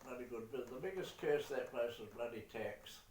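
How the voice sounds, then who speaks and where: A man's voice: mid-range voice, fairly quick, a little mellow. An older man with a New Zealand accent telling rambling family stories in a salty, casual way, sprinkling in mild swearing. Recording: echoey room, far from the mic, faint noise.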